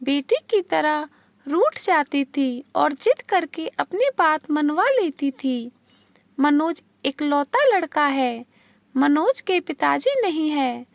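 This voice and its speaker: Very high-voiced woman narrating slowly. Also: animated, gravelly, no room sound. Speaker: storyteller. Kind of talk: scripted story narration.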